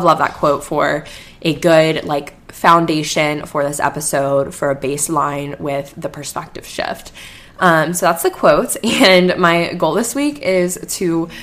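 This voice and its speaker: A woman's voice: low-pitched, a bit bright. A young woman, rambling casually on her own podcast with lots of "like" fillers and restarts. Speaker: podcast host. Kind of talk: casual solo podcast chat.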